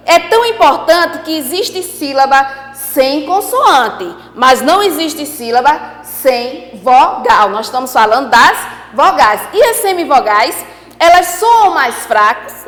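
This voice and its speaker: A woman teacher giving an online class, lively, asking the class questions and repeating key points. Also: high-pitched, roomy sound, long reverb tail.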